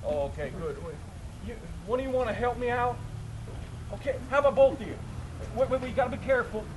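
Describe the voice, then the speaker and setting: Speaking very high and fast, a man in costume entertains visitors as an odd old hermit from the backwoods who chats with trees, rambling and chuckling in a folksy way. The outdoor recording catches traffic going by.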